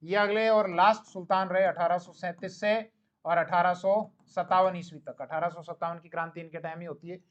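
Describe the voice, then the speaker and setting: This recorded classroom history lecture comes from a man whose voice sits high, fairly bright and brisk, with fairly even intonation and the highs cut off. He teaches in a conversational storytelling style, acting out dialogue and answering his own questions.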